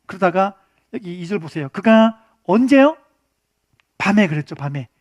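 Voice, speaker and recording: A man teaching a church Bible study class in an animated way, often putting questions to his listeners. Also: high voice, normal speed, no room sound, muffled recording. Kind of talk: interactive Bible lesson.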